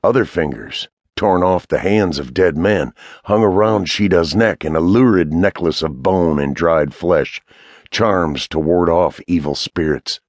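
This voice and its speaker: A man narrating a fantasy audiobook in a measured, even storytelling manner. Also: low voice, no echo.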